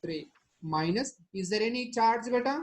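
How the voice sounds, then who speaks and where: A male teacher with a Telugu Indian accent and Telugu as his first language speaks very quickly in a high register for a man. He explains step by step in an interactive lesson, repeating himself and often checking with short tag questions. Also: expressive. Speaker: chemistry teacher.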